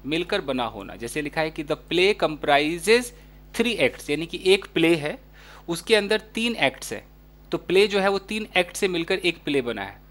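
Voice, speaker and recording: A man with an Indian accent teaching English words to learners, explaining each one in a casual way with many examples and reading English phrases out slowly. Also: fairly high pitch, fairly bright tone.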